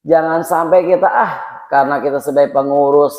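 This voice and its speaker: A middle-aged man from Indonesia preaching a dawn lecture in a mosque, telling stories with lively acted-out voices. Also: a little fast. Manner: animated storytelling, acting out voices with big pitch swings. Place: mosque hall. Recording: echoey mosque hall.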